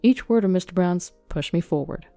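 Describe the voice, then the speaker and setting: A woman reads a story in the first person, measured and even, with a low, mellow voice. The sound is close and dry, with faint music behind her. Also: dry recording. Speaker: narrator. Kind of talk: scripted narration of a story.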